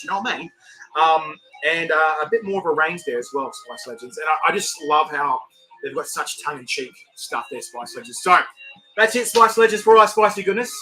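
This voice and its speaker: A man's voice: on the high side, pushed and bright, rough recording. A man with a New Zealand accent hosting a casual live review, rambling and repeating himself. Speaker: food review host.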